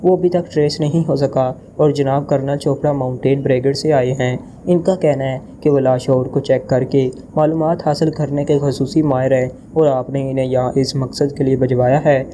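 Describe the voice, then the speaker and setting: A man's voice: medium pitch, fairly even intonation, normal speed, few pauses, dark tone, slight background noise, lightly acted. A man voicing a flustered, dutiful male army colonel who reports formally, in an audio novel. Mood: deferential.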